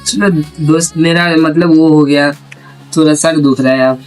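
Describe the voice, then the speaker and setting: A man's voice: fairly high pitch, steady tone, moderate pace, clean tone, soft background music. A man making a prank call video, chatting casually in a hesitant, repetitive, rambling way. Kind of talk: casual phone chat and vlog talk.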